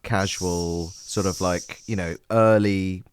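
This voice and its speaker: A man co-hosting a casual music podcast, with a very low, deep voice. He rambles playfully through his jokes, full of ums and asides. The sound is dry and close, with no room around him. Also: steady tone, slow pace, smooth, no room sound. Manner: playful, jokey, rambling with fillers. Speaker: podcast co-host.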